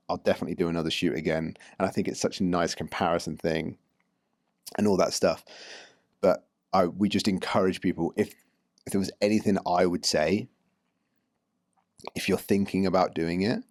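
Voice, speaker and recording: A man's voice: low voice, fairly even intonation, brisk, long pauses, no echo, clean studio sound. A man, a fitness coach, co-hosting a casual podcast chat and rambling with many restarts.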